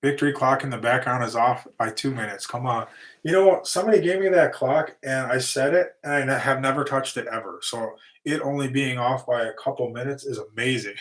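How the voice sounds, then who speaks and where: On his livestream, a middle-aged owner of a lawn and concrete business casually fields viewer questions. His mid-range voice is brisk and a little bright but getting worn out. He's relaxed and meandering, full of fillers and false starts.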